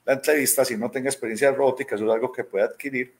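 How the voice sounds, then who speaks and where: Rapid-fire and steady in tone, his medium-pitched voice carries a Colombian accent from Medellín. The man, a robotics teacher in his thirties, is being interviewed by video call from a small room at home, conversationally telling stories, performing quoted dialogue, and often ending with "¿cierto?".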